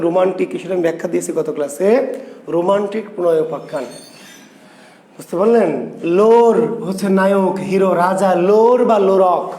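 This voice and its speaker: Echoey, higher-pitched man teaching a class. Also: dark tone. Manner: asks questions and answers them himself, repeats key terms. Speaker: literature teacher. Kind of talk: classroom lecture.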